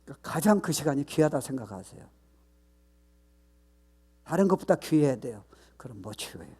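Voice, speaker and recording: A man preaching a Sunday sermon as pastor, mixing in English phrases and building to loud, emphatic repeated questions. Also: medium pitch, big pitch swings, moderate pace, breathy edge. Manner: switches between Korean and English, rising to loud emphatic shouts.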